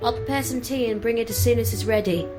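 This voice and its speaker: Woman doing a hushed, brisk young maid. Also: fairly high pitch, over music, close to an everyday voice. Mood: polite. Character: quick, polite young housemaid.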